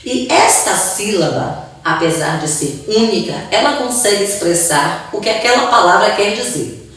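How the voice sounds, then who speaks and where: A woman teaching with a Brazilian Portuguese accent, explaining slowly and patiently, drawing out syllables and repeating words. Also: mid-range voice, lively intonation, fairly bright tone, a little hiss or hum. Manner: drawn-out syllables, patient repetition. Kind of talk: slow, deliberate classroom explanation. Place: classroom. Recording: echoey room, mic far off.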